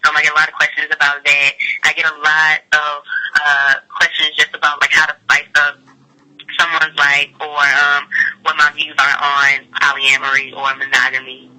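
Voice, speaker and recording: Sharp, bright woman's voice over the phone. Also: sits low, completely flat delivery, moderate pace, rough recording. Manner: informal, peppers speech with "like". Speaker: sex educator interviewee. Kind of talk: casual phone interview. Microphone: telephone call.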